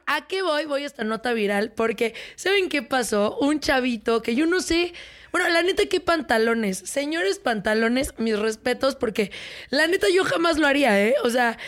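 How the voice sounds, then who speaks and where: Young mexican woman hosting a gossip show, high voice, jokey and teasing, throws in english words. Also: lively intonation, moderate pace. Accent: Mexican Spanish. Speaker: entertainment show host. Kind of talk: playful showbiz chat.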